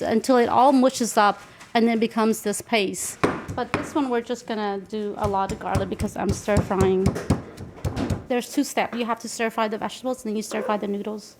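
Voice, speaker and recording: This interviewee, a home cook in her 40s from Nashville, reflects casually and tells stories while she cooks. Her voice runs on the high side, and the kitchen field recording is clicky and noisy.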